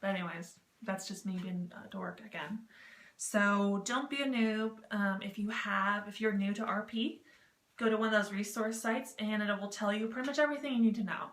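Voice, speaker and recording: Medium in pitch, at normal speed and with a fairly bright tone, this vlog host gives a chatty explainer on written role-playing. She rambles, jokes and pokes fun at herself, while the room echoes and background noise is clearly audible.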